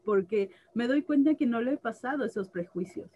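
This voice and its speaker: A tattoo artist chats with friends, throwing herself into her anecdotes and voicing each person in them. Her voice sits a little high. The recording is somewhat muffled, with a faint hiss underneath. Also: brisk. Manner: animated storyteller, acts out dialogue, laughs often. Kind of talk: casual chat.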